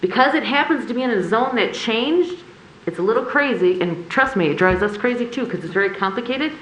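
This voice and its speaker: A woman's voice: on the high side, animated, brisk, fairly bright tone. A woman explains things earnestly through a face mask as a commissioner at a public meeting. The room is echoey, with faint noise behind her. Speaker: planning commission member.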